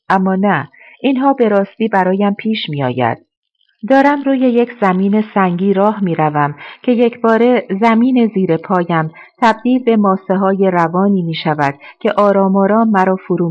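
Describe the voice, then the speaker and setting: An audiobook narrator reading a first-person novel in a steady, subdued way, in a slightly dull recording. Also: mid-range voice.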